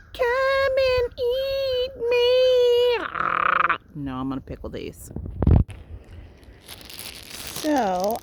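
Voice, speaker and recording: A woman's voice: mid-range voice, a little mellow. A woman casually vlogging outdoors in the countryside while walking and foraging, chatty and self-deprecating.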